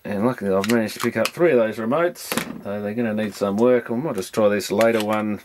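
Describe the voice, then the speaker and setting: An electronics repairer presents a video, offering casual, hands-on commentary as he works, thinking aloud in a rambling, matter-of-fact manner. His voice is lowish, brisk and a little mellow, with slight background noise.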